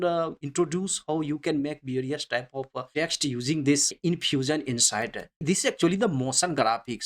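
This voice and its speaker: Here's a medium-pitched voice walking through a software process one step at a time, unscripted. The English is hesitant and repetitive, with a clearly non-native turn of phrase.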